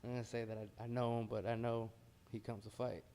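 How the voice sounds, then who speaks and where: A man's voice: mid-range voice, level tone, fairly quick, warm tone, a little hiss or hum. An American man, a heavyweight boxer, talking casually and modestly in a pre-fight interview.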